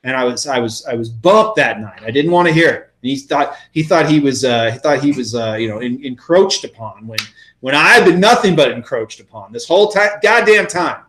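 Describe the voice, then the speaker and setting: A man's voice: mid-range voice, animated, brisk, fairly bright tone. A man co-hosting a podcast, telling rambling stories in casual banter and swearing freely. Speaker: podcast co-host.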